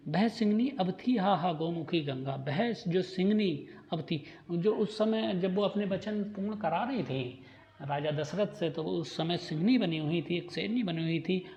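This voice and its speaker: A man teaching a class lesson, reading lines of a poem and then explaining each word in simple terms. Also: fairly high pitch. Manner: reads a verse, then paraphrases it slowly in simple words. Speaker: Hindi teacher. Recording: dull lo-fi recording.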